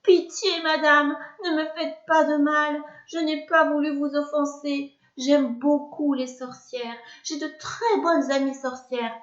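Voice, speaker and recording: A woman's voice: sits high, steady tone, measured pace, a little mellow, voice pushed up. A woman voicing a flustered man who pleads and apologizes to a witch. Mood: pleading. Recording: echoey room, dull lo-fi sound.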